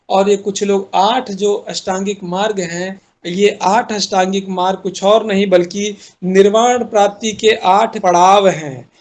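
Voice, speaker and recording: Indian male lecturer, high voice, explains step by step and quizzes the class. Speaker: university lecturer.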